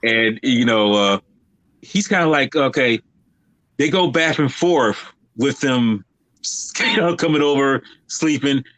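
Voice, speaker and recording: A man's voice: mid-range voice, animated, takes it slowly, fairly bright tone, low-quality recording. A man casually discussing a film on a livestream, rambling with many fillers and restarts. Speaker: podcast co-host.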